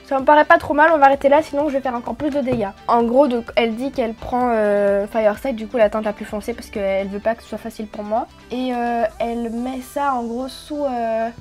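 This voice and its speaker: Young woman, slightly high voice, self-mocking casual chat, faint background music. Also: steady tone, fairly quick, hardly any pauses. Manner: chatty, self-mocking, lots of fillers. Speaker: beauty vlogger. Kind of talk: casual chat while doing makeup.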